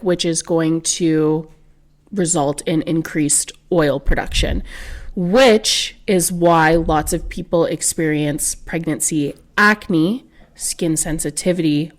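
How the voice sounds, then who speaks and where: A young woman co-hosting an esthetician podcast, chatting and explaining skincare in plain terms. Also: on the low side. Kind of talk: casual podcast chat.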